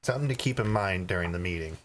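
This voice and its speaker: Hesitant player, a fairly low-voiced man musing through his ideas. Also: lively intonation, fast talker, slight background noise. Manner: hesitant, thinking aloud. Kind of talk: casual tabletop play.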